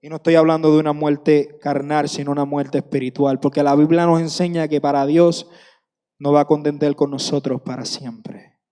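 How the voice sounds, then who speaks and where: A man's voice: fairly high pitch, little pitch movement, normal speed, warm tone, clear, resonant tone, in a large hall. A man in his thirties preaching a sermon with passion, repeating phrases for emphasis.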